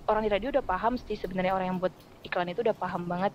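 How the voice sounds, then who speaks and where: A chatty woman with an Indonesian accent, a radio voice-over artist explaining her work in a relaxed podcast chat. She talks at an easy, mid-pitched level and fills her points with quick examples. There is a faint hiss under her voice. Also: muffled recording.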